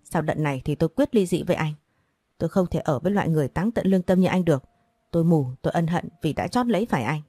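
A woman reads a frantic young mother in an audio story, pleading and lashing out in turn. The voice is low and mellow, as the narrator puts her on. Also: animated, quick pace, breathy edge, dry recording, clean studio sound. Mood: accusing. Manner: pleading, accusing, stammering.

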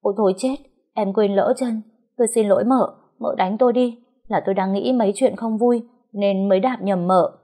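A woman's voice: medium pitch, moderate pace, mellow, pitched above the performer's own voice, lightly acted. A woman voicing a sly young woman who whines and sobs to win sympathy. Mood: fake sorry. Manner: whiny, sobbing pleading. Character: young rival woman, whiny, sly, crocodile tears.

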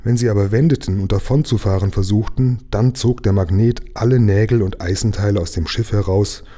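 A man voicing a sad, gentle young mermaid princess in a storybook read aloud, with a soft, tearful voice. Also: fairly low pitch, brisk, close to an everyday voice. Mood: sad, earnest.

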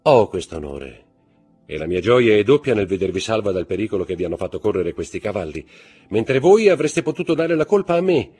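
A man voicing a calm, courteous nobleman who speaks in composed, reassuring tones in an audiobook reading. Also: lowish voice, brisk, slightly rough, faint music behind. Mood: gracious.

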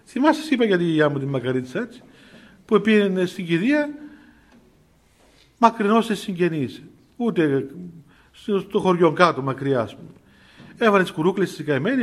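A man's voice: high voice, husky. A middle-aged man, a priest giving an informal sermon full of stories, chuckling often and restarting his phrases. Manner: storytelling, chuckling often, many fillers and restarts. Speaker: priest giving a spiritual talk.

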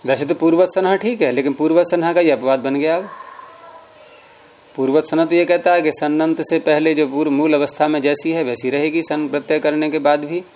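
A man teaching a grammar lesson, repeating word forms slowly and explaining rules step by step. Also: fairly high pitch, fairly even intonation, darkish tone, slight background noise.

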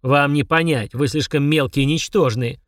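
A man voicing a haughty, short-tempered male demon lord who roars and sneers at mortals in a slow, booming manner. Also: fairly bright tone, no room sound, clean studio sound, natural voice. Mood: scornful. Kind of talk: audiobook character voice.

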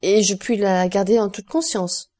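A woman reads a talkative male prison guide, humble and eager to please. The audiobook voice stays warm and soft-edged, with only a light lift for the character. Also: medium pitch, steady tone, moderate pace, lightly acted. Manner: eager, deferential.

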